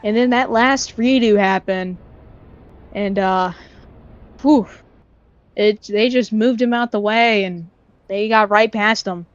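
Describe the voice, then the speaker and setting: A woman giving casual live commentary on an online sim race, repeating herself and quick to get excited when the racing tightens. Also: mid-range voice, dry recording. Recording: dull lo-fi stream mic.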